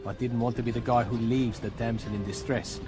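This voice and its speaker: A tough, battered man with a wry streak, played by an actor in an audio drama. He speaks in an understated mid-range voice with loud music behind him. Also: medium pitch, steady tone, fairly quick, lightly acted.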